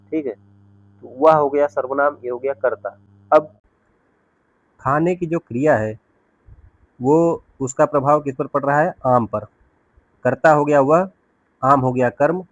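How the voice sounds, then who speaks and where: Man, grammar teacher, step-by-step explanations, mid-pitched voice, dry lo-fi recording. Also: no room sound. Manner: explains step by step, often checks with "ठीक है". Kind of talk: grammar lesson explaining with examples.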